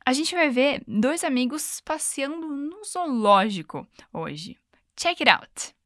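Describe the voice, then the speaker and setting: Upbeat teacher with a higher voice. She sounds playful on a dry, close mic and hosts a podcast lesson. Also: expressive, a bit bright, dry recording. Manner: upbeat, playful, switches between Portuguese and slow English examples. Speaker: English teacher and podcast host.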